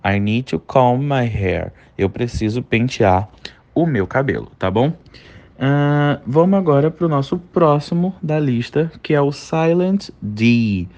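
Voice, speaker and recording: A man teaching an English vocabulary lesson, modeling words slowly and checking in with short tags after each point. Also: mid-range voice, animated, a little mellow, muffled recording. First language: Portuguese.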